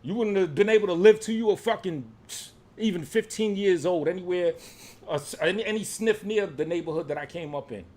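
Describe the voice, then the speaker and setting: A rapper ranting at his critics, swearing heavily and swinging from shouting to low muttering. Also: fairly quick. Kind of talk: profane angry rant.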